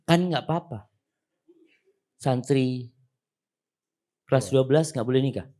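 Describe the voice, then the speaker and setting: Middle-aged man, animated preacher, quizzes the crowd, recites Arabic. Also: mid-range voice, measured pace. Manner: animated, questions the audience, recites Arabic verses. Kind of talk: lively Islamic lecture.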